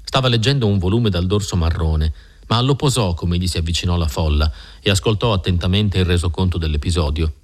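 Guy with a low voice reading an audiobook, steady and measured. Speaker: audiobook narrator. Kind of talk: scripted literary narration.

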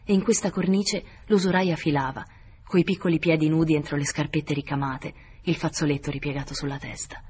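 A man reading a novel aloud in measured scripted narration. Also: fairly high pitch, steady tone, darkish tone, breathy edge. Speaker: audiobook reader.

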